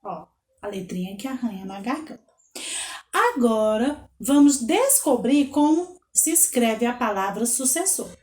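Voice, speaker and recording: Slow, patient woman teaching children. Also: a little high, expressive, darkish tone, echoey room. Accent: Brazilian Portuguese. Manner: slow, patient, spelling out letters and counting aloud. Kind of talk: children's lesson.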